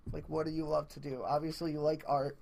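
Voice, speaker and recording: A man's voice: a little high, flat delivery, quick pace, gravelly, darkish tone. A young man interviewing a friend in casual chat, blunt and opinionated, swearing freely.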